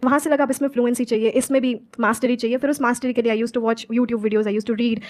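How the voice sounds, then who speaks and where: This is a young woman from Haryana with a high, light voice, answering questions on stage with earnest conviction. She moves easily between Hindi and neatly spoken English sentences, sounding like a practiced motivational speaker addressing a room. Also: level tone, brisk, a little mellow. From Haryana, India. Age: 20s.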